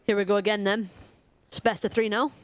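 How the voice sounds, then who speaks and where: A woman from Wales with a Welsh accent, giving live squash commentary in a measured, analytical way with dry humour. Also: medium pitch, flat delivery.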